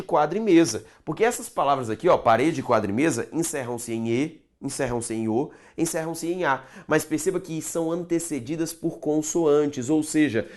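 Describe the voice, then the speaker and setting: Guy teaching grammar for exams, voice jumps up and down a lot, drags out words while he splits them. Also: on the high side. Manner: lively, drawn-out syllables, rhetorical questions. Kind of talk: exam-prep grammar lesson.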